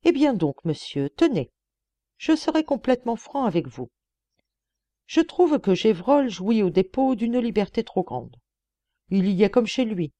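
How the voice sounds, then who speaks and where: A woman's voice: mid-range voice, very animated, a little slow, dark tone, no room sound, pitched above the performer's own voice. A woman voicing a shrewd, earnest young male police detective in a storybook reading, persuasive and emphatic.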